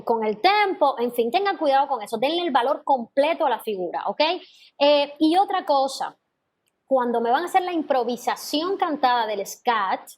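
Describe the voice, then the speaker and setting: A woman teaching a singing class, explaining patiently and singing sample notes and scat syllables. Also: high voice. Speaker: vocal teacher. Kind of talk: online class feedback to students.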